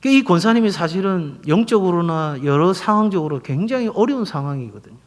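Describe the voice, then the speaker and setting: A man's voice: high voice, a little fast. A middle-aged man preaching as senior pastor of his church, telling stories and acting out the quoted voices. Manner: animated storytelling, acts out quoted voices. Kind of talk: sermon.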